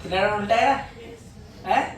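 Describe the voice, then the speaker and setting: A man teaches physics to a classroom, checking with the students after every step and dictating notes slowly. His voice reaches the microphone from across a reverberant room, with faint ambient noise. His pitch sits in an ordinary middle range. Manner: coaxing, asks students for constant confirmation. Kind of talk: classroom lecture. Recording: echoey classroom from far off.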